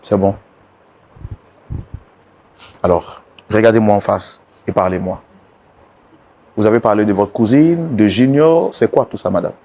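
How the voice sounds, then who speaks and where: A man hosting and mediating a couple's dispute, patiently calming the guests with repeated gentle commands. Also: lowish voice, unhurried, long pauses. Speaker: host and mediator.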